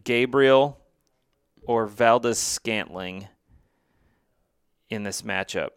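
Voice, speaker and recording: A man's voice: on the low side, drawn-out words, clear, resonant tone, no room sound, clean studio sound. Chatty man talking fantasy football. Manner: chatty, thinks aloud with fillers. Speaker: podcast co-host. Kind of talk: casual fantasy football chat.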